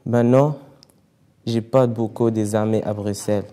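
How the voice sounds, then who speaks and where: A teenage boy from Morocco reads a letter aloud, plainly and evenly. His voice is low and flat, with a mellow tone. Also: a little slow. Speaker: student reading a letter. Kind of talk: reading aloud.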